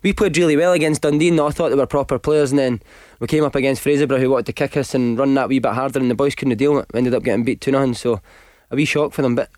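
Man, Glasgow street accent, quick pace, slightly high pitch, dry studio sound, casual matey chat. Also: fairly even intonation, a little mellow, no room sound. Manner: street Glasgow vernacular, self-deprecating, matey. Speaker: footballer and radio show guest.

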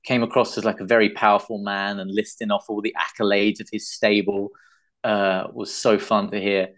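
Man, low pitch, casual chat, enthusiastic, hesitant, filler-heavy. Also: level tone, moderate pace, fairly bright tone. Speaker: podcast guest.

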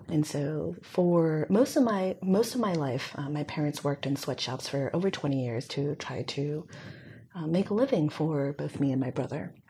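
A woman's voice: low-pitched, warm tone, breathy edge. A young woman from Hong Kong, talking reflectively as an interview guest, with frequent fillers. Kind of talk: conversational interview.

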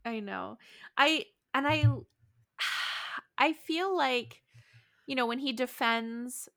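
A woman co-hosting a podcast, recapping a film in animated casual chat and acting out the characters' lines. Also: high voice, extremely slow, creaky. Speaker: podcast co-host.

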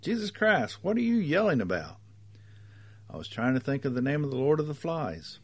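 A man voicing an irritable, sick young mother who complains and turns shrill when she shouts. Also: sing-song, fast talker, natural voice. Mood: shouting.

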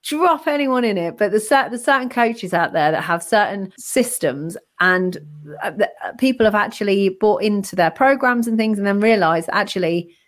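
Croaky British woman, casual podcast co-host. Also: medium pitch, expressive, normal speed. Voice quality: croaky, froggy voice.

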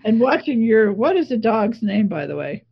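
A woman's voice: fairly high pitch, sing-song, measured pace, vocal fry, husky, dull audio. A woman speaking as a coach and interview guest, teaching conversationally in an emphatic, reflective way with repeated phrases.

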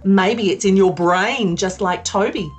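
A woman's voice: mid-range voice, a little slow, soft background music. A woman presenting a children's show in a broad singsong, kids' theatre manner, gushing and encouraging. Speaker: children's podcast host.

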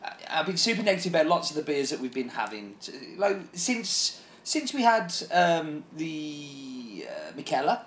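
A man co-hosting a casual beer review chat, animated and enthusiastic, often restarting his sentences. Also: a little high, normal speed, few pauses, a little hiss or hum. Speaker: beer podcast co-host. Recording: echoey room with faint ambience.

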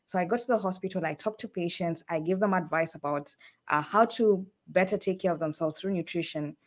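A woman from Kenya, a guest in an interview, telling her career story in a lively way. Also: lowish voice, brisk. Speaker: fellowship guest, food production manager. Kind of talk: casual interview talk.

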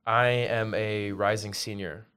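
A man's voice: fairly low pitch, fairly even intonation, a little slow, pushed and bright, smooth. A man in his early twenties, a college intern guest, talking in a laid-back way with frequent "like". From Belgium, raised in New York City. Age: early 20s. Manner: laid-back, laughs easily, uses "like" a lot. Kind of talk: casual interview.

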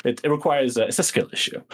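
A man's voice: medium pitch, a little fast, slight background noise. A man co-hosting a comedy podcast, joking and walking through comic panels with asides. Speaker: podcast co-host. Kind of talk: comedic read-through chat.

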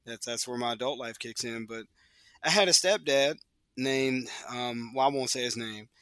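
A man's voice: medium pitch, normal speed, a bit bright, no room sound. A man speaking as a guest in an interview, reflective and hesitant, often trailing off into fillers.

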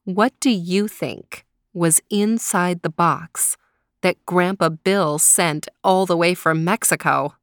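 Middle-aged woman storyteller, slow and gentle; dry, close sound with no room. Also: lowish voice, no room sound. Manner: calm, gentle, drawn-out reading. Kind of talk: reading a children's story aloud.

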